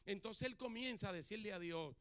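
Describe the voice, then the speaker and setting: Bright-voiced high-pitched male pastor preaching. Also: brisk. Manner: acts out Bible dialogue, asks the congregation questions. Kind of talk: sermon. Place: church sanctuary.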